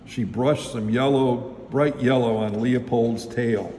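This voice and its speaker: A man reading a children's picture book aloud with lively, expressive storytelling. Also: mid-range voice, slow. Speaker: storybook reader, local official. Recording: echoey hall, faint noise.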